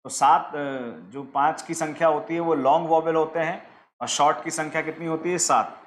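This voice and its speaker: A man's voice: fairly high pitch, fairly even intonation, normal speed, roomy sound. A man teaching an online exam-prep class, explaining step by step and asking his students questions, with English terms mixed in.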